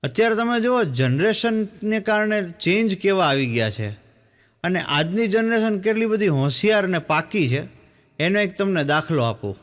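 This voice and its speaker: A man performs stand-up on stage. He tells his jokes as little stories in a somewhat high voice and drops his tone to act out the people he quotes. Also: lively intonation, normal speed. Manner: storytelling, acts out quoted speakers in lowered voice. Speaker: stand-up comedian. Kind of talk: stand-up joke telling on stage.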